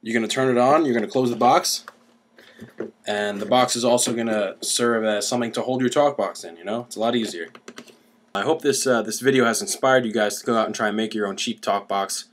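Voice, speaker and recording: Brisk and medium-pitched, a young adult DIY music gear demonstrator offers a laid-back tutorial to a webcam about arm's length away in his small, cluttered home room. A little hiss or hum is audible.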